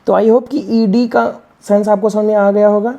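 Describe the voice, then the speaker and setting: A woman's voice: medium pitch, fairly even intonation, moderate pace, warm tone, dull audio. A woman teaching English reading, spelling out words letter by letter and asking and answering her own questions. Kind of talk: classroom-style reading lesson.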